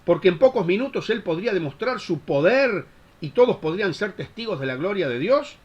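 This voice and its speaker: Guy teaching bible class like a sermon, husky, pitch jumps all over, dull lo-fi sound. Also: lively intonation, brisk. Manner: impassioned, full of rhetorical questions. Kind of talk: Bible class lecture, preached. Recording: dull lo-fi recording.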